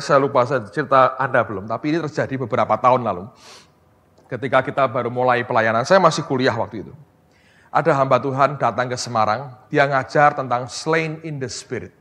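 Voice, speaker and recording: A middle-aged man preaching a lively sermon to his congregation, reading scripture and jumping between hushed asides and shouted quotes. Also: medium pitch. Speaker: pastor. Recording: long reverb of a large hall.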